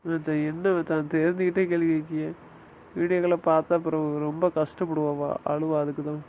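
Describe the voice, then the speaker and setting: A man's voice: a little high, level tone, fairly quick, a little mellow, dull audio, a little hiss or hum, natural voice. A man playing a young husband who hesitantly downplays a head injury and soothes his wife in an audio drama. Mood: explaining.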